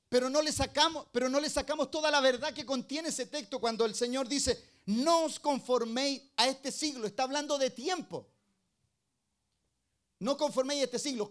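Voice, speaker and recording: High-voiced pastor preaching a sermon. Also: male voice. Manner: preaching with rhetorical questions, swinging between loud emphasis and low asides.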